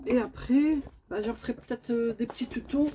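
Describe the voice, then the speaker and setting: A woman's voice: a little high, moderate pace, mellow, slight background noise. A woman, chatting casually in a home vlog and often cooing at her pet bird in a raised sing-song voice. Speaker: vlogger.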